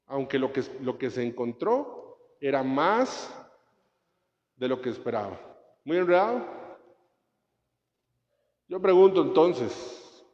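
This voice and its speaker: A man's voice: medium pitch, very animated, slow pace, long pauses, a little mellow. A man delivers a homily as a priest, telling stories and asking his listeners questions. His voice carries a long church reverb, and the sound is muffled. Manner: conversational preaching, tells anecdotes, asks rhetorical questions.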